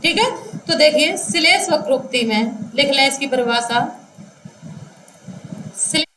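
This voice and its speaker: Slow, bright-voiced woman teacher dictating. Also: sits high, roomy sound, slight background noise, rough recording. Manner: slow and repetitive, dictating phrases word by word; addresses students as children. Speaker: Hindi teacher. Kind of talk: classroom lecture explaining grammar.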